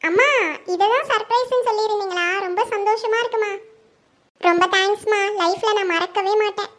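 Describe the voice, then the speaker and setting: Very high, tearful young wife, as a performer puts her on, pleading in a family drama. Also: fairly quick, a bit bright. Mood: grateful. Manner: pleading, emotional. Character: tearful young married daughter. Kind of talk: home-made Tamil family drama.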